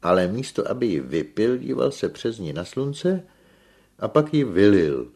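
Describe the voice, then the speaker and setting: A chatty, excitable café owner, voiced by a male storyteller, loud and raised well above the reader's low natural pitch. His storytelling rushes with eager emphasis. The pitch leaps around lively from phrase to phrase. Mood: excited.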